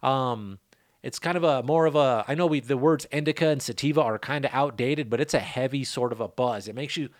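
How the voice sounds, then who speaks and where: A man's voice: mid-range voice, brisk, dry recording, studio quality. Rambling, easygoing male podcast host. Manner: rambling, loose, joking asides. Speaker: podcast host, cannabis grower. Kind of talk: casual rambling chat.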